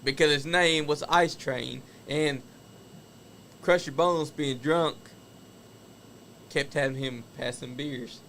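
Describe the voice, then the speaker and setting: A man's voice: fairly high pitch, takes it slowly, pauses often, a bit bright, a little hiss or hum. A man hosting a casual wrestling talk show, commenting on old match footage in an opinionated, chatty way. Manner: chatty, opinionated, laughs at stories. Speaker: host.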